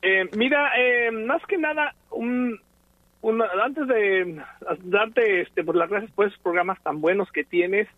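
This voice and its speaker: A man's voice: high voice, takes it slowly, no echo. Impassioned Mexican man on a phone line. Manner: impassioned, hesitant with many fillers. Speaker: radio caller. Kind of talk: phone-in call to a radio show. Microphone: telephone.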